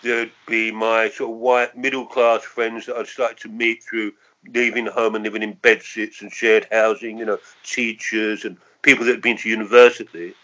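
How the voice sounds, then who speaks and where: Here a man in his sixties with a London accent reminisces for an oral history project, hesitating and reflecting, often doubling back to add qualifications. His lowish, fairly bright voice moves little in pitch at a moderate pace, and the recording's highs are cut off.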